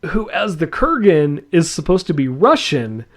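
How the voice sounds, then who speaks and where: A man hosts a podcast, chatting casually and enthusiastically at an unhurried pace. His pitch is lively and bouncing, and he rambles along, laughing often.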